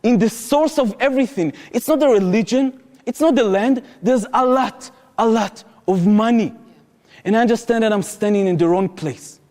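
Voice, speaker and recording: An Israeli man with a high voice delivers an impassioned public lecture. He moves between personal storytelling and urgent warnings to the room. His voice carries a long reverb from a lecture hall. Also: normal speed, darkish tone.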